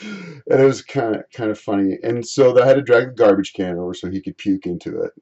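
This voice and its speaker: A man recounts a personal story to his viewers in a rambling, halting way, often doubling back on his phrases. His low voice carries a gravelly edge. The recording sounds dull and lo-fi. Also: dark tone. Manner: halting, repeats and restarts phrases. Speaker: vlogger.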